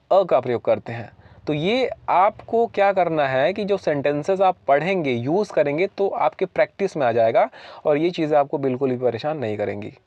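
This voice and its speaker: A man with a fairly high voice teaches English grammar at a steady classroom pace. He poses questions and then answers them himself. The recording is dry and a little dull, with no room echo.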